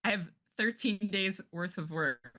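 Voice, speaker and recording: A woman's voice: mid-range voice, unhurried, pushed and bright. A woman co-hosting a casual podcast over a call, bossy and teasing, swearing freely and laughing often. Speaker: podcast co-host. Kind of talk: casual chat.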